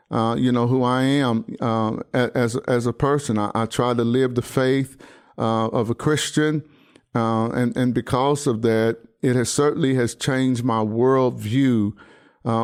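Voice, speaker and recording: Earnest pastor in his sixties, smooth voice. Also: mid-range voice, darkish tone. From United States. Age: 60s. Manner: halting, many restarts and fillers, earnest. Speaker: pastor and podcast host. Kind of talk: personal commentary monologue.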